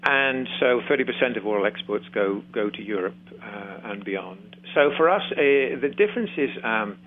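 English guy from shropshire on a phone line, lowish voice, easygoing and halting with lots of ums. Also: animated. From Shropshire, England. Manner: easygoing, halting with many fillers. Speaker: guest, farming consultant and radio host. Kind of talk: casual interview talk. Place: remote, not in the studio.

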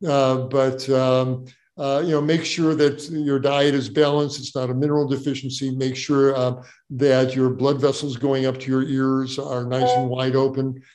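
Older male doctor, folksy and joking, relaxed Q&A advice. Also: mid-range voice, moderate pace. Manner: folksy, joking, repeats words as he explains. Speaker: doctor answering audience questions. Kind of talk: casual Q&A advice.

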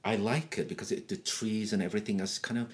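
An older man whose first language is not English, telling lively stories from his life in a casual interview and acting out the voices of people in them. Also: fairly low pitch, fast. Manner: animated, acts out voices in his stories, laughs often. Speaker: interview guest. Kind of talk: casual storytelling.

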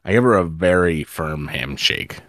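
A man's voice: low-pitched, expressive, moderate pace, a bit bright, dry recording, studio quality. A man playing in a tabletop game, talking in a stammering, goofy way. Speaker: player.

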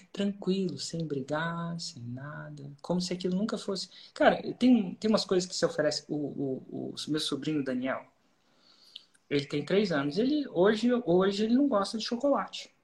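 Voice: mid-range voice, animated, normal speed. A speaker with a Brazilian accent, hosting a podcast and telling a story in a casual, conversational way. The speaker acts out quoted dialogue and often says "cara". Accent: Brazilian Portuguese.

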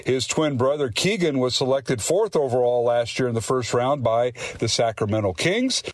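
A man's voice: mid-range voice, animated, no echo. Man reading radio sports scores. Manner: brisk scripted reading of scores. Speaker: sports reporter.

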